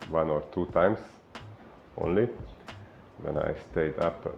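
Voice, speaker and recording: A man from Hungary with a Hungarian accent, a fitness coach giving an unhurried explainer talk full of filler pauses. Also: very deep voice, gravelly, dull audio, a little hiss or hum.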